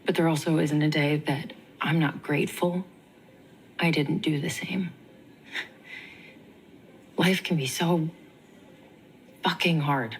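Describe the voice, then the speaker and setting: An earnest young woman doctor, low-voiced. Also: steady tone, slow pace, pauses often, slight background noise, low-quality recording. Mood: heartfelt. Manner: earnest, heartfelt. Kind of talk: TV drama acting.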